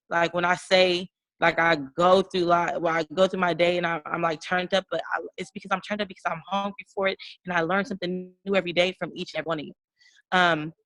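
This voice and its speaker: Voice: medium pitch, fairly bright tone, dry recording, low-quality recording. Fired-up coach, lots of fillers, video call, dry sound. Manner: rambling, filler-heavy, fired up. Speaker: wellness coach on a team call. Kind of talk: casual motivational talk on a group call.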